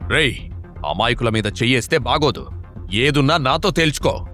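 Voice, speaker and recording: A man's voice: low voice, lively intonation, normal speed, soft background music. A man voicing a fearless, cocky young male fighter who talks with mocking confidence in an audio drama. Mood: serious.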